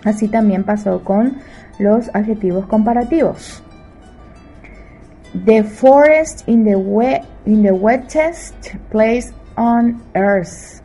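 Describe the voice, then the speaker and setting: Slow, mellow woman teaching English. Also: medium pitch, breathy edge, soft background music, rough recording. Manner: checks in with frequent "¿sí?"; slow English examples, quicker Spanish explanations. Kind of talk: bilingual grammar lesson.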